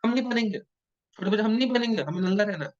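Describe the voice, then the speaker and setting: A man's voice: sits high, animated, very fast, pitched above the performer's own voice. A man voicing a stubborn little boy of one or two who refuses in a sing-song way. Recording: dull lo-fi sound.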